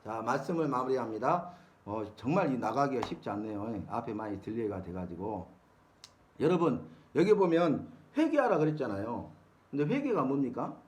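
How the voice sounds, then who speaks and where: A man's voice: mid-range voice, very animated, normal speed, a little mellow. A middle-aged man preaching a sermon-style Bible lesson, asking the congregation rhetorical questions. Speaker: pastor.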